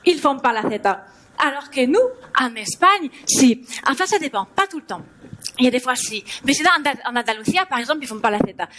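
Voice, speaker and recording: A bubbly Spanish teacher with a thick Spanish accent, put on by a woman comic, playfully teasing her class. Her voice sits high and bright, with a faint hiss of noise behind it from a theatre stage. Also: expressive, a little fast. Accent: Spanish accent in French. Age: young adult. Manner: playful, teasing the audience, mixing Spanish into French. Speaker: stand-up comedian. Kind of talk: stand-up character act. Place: theatre stage before a live audience.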